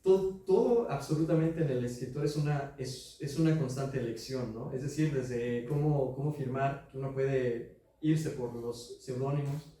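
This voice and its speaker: A man's voice: medium pitch, moderate pace, dark tone. A man moderating a book presentation, asking the author a long, searching question with many hesitations and tag questions. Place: book presentation venue, large room. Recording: very echoey room, mic far off.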